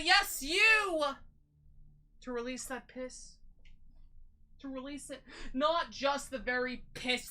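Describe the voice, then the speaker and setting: Tipsy girl vtuber doing a slow dramatic pep talk, high voice, music playing behind her. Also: rough recording. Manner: theatrical, drawn-out, swinging from hushed to loud emphasis. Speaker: VTuber streamer. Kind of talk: rambling mock-motivational livestream monologue. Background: background music.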